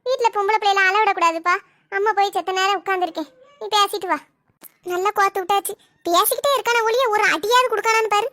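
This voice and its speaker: A weary mother-in-law, put on by a woman, drags out every word in a slow, sighing lilt. Her voice sits very high and bright, and she dwells on how much she suffers. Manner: slow, long-suffering, guilt-tripping. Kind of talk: family comedy skit.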